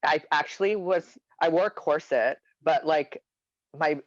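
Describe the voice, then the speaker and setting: A man who performs in drag, a podcast guest in casual chat, animated and self-mocking. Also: fairly high pitch, unhurried, no echo. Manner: animated, self-mocking, laughs between thoughts. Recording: dull, dry lo-fi recording.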